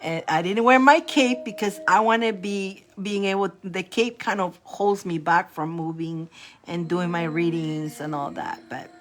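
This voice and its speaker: A woman's voice: on the low side, measured pace. A bubbly, giggly woman hosting a tarot livestream, chatting casually with her viewers. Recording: light music in the background. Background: background music.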